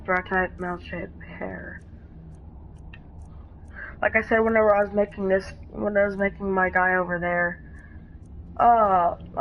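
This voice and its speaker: A woman casually talking through a game on a live stream, rambling and halting, with frequent restarts. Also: medium pitch. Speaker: gaming streamer. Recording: dull lo-fi stream audio with faint noise.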